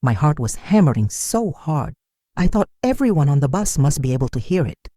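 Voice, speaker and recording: A woman reading a scripted first-person story in an even, measured way. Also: sits low, no echo, clean studio sound.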